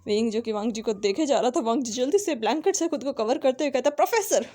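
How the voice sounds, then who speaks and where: A woman with a high voice reads a romance story aloud. Her narration is steady and plain, moving evenly from one line to the next. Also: quick pace. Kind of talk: reading a fan fiction story aloud.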